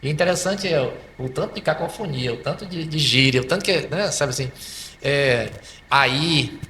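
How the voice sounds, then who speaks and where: A Brazilian man, a psychologist, explaining at length in an animated way, often repeating and restarting words. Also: fairly high pitch, normal speed. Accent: Brazilian Portuguese. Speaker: psychologist guest. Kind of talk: conversational explanation. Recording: faint background noise.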